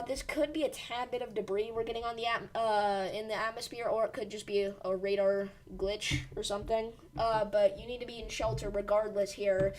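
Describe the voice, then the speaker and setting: On a weather livestream, a woman whose voice is giving out provides live storm-tracking commentary. Her pitch is medium and the recording quality is low. She sounds urgent yet reassuring, with plenty of fillers.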